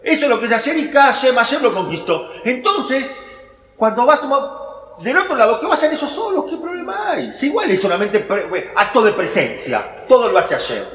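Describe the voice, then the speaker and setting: Animated Argentine man teaching in an echoey hall. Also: very high-pitched, lo-fi sound. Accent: Argentine Spanish. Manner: animated, conversational, drawn-out emphasis, sprinkles Hebrew terms. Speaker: rabbi teaching Torah. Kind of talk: Torah class lecture. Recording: echoey hall with faint ambience.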